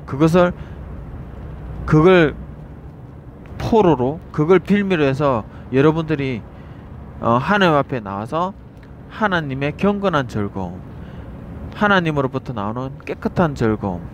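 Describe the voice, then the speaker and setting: Earnest male preacher with a higher voice. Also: expressive, measured pace, long pauses, slight background noise. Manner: earnest, repetitive, with rhetorical questions and filler "eh?".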